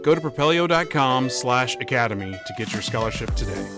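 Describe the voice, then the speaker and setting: A man's voice: medium pitch, expressive, fairly quick. A man reading an upbeat scripted ad. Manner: upbeat promotional delivery. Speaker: ad announcer. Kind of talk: scripted ad read. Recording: voice over loud music.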